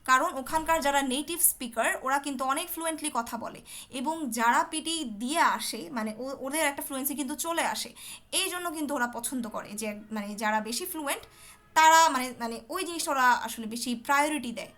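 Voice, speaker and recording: A woman with a high-pitched, brisk, pushed and bright voice teaches an English speaking test over a video call. She explains patiently in this online session and often checks that her students are following.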